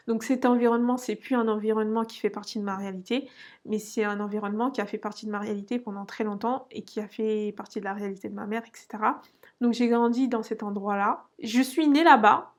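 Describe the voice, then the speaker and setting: Young woman vlogging her own story, bit high voice, lots of euh and restarts. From Portugal. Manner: hesitant, many fillers and restarts. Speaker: finance vlogger. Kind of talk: personal storytelling to camera.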